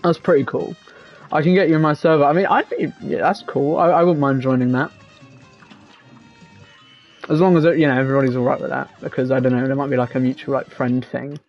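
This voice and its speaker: A man with a gravelly, mid-range voice talks briskly and steadily while live-streaming a game, rambling casually as he reads chat messages aloud. The lo-fi mic sounds a bit dull, with faint game music underneath.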